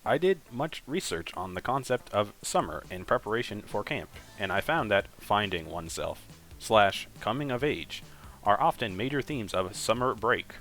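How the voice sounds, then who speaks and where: A man's voice: on the low side, expressive, normal speed, fairly bright tone, faint music behind. A man doing a stiff, formal robot camper. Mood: earnest. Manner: stilted, formal robotic phrasing.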